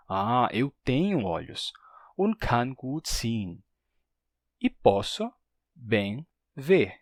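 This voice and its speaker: A man's voice: medium pitch, no echo, studio quality. A man with a Brazilian Portuguese accent teaches a language lesson step by step and keeps checking in with the listener. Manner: explains step by step, often checks in with "né?".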